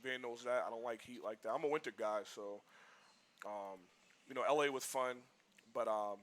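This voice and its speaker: A man rambles through casual stream talk, piling on "like" as he goes. His voice sounds bright and forward. He keeps a loose, animated delivery throughout. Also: mid-range voice, moderate pace. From Boston, US. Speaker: livestream co-host. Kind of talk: casual chat.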